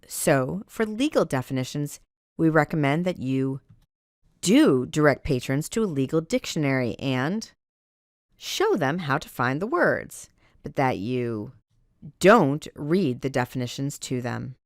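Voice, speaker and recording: A woman giving a scripted training narration for librarians, reading do's and don'ts in a measured, instructional way. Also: extremely low pitch, very animated, dry recording, clean studio sound.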